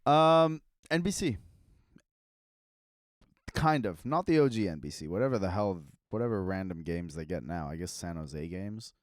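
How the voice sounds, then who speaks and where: A man's voice: deep voice, expressive, moderate pace, no echo, studio quality. A man co-hosting a podcast in casual chat, laid-back and full of fillers. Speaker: podcast co-host.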